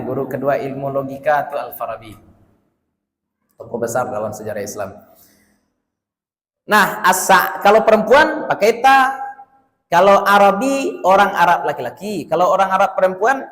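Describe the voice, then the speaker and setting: A fairly high-voiced man with a Minangkabau accent delivers a religious lecture, quizzing his audience and dropping into local dialect for jokes. His voice carries a long hall reverb. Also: sing-song, moderate pace, pauses often, fairly bright tone. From West Sumatra. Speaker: religious teacher.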